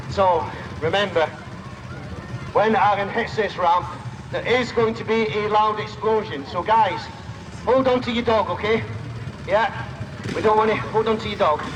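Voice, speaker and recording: A man's voice: high-pitched, in a large hall. A man announcing a live outdoor stunt show to a crowd, with informal, jokey patter. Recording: outdoor PA, crowd and vehicle noise. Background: crowd, vehicles and outdoor noise.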